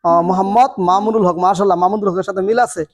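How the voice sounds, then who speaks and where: A male teacher runs a classroom lesson, his voice pitched very high. He drills each rule over and over, putting a question to the class and then answering it himself. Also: steady tone, very fast. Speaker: Quran reading teacher. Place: classroom with a board and students.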